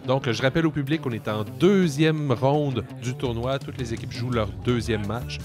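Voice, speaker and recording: A man with a Québécois accent calmly recapping a live improv tournament for the audience. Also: medium pitch, moderate pace, over music. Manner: calm, explanatory recapping. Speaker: commentator. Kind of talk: live match commentary.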